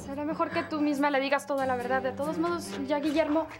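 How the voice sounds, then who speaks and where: A woman's voice: high-pitched, steady tone, fast talker, music in the background, natural voice. An actress playing a blunt woman who firmly urges others and reveals a secret in a telenovela scene. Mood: firm urging. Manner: firm, urging. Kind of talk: telenovela acting.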